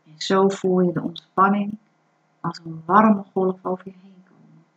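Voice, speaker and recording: A woman guiding a breathing meditation in a calm, soothing, instructive way. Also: medium pitch, measured pace. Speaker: meditation guide. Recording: dull lo-fi recording.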